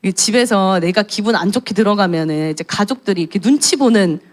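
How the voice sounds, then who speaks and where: A woman's voice: medium pitch, fast. A woman in her thirties, a junior pastor, giving a conversational sermon in a candid, storytelling tone.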